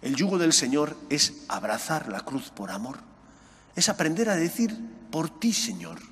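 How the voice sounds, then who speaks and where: A middle-aged male priest reading the gospel and preaching a homily at an ambo, earnest, his voice rising on questions and dropping soft on key words. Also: on the high side, sing-song, unhurried, husky. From Spain. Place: chapel sanctuary, at an ambo. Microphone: gooseneck mic on ambo. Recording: long church reverb.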